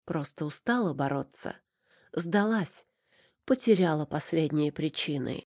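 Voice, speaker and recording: A woman's voice: deep voice, animated, a little mellow, no room sound, studio quality, heavily acted. A woman voicing a tearful, frightened young wife. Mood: resigned. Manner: halting, pleading.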